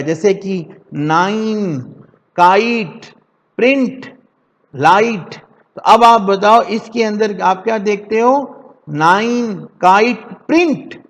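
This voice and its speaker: A man teaching a children's English lesson, saying words slowly so pupils can repeat them after him. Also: high voice, big-room sound, lo-fi sound.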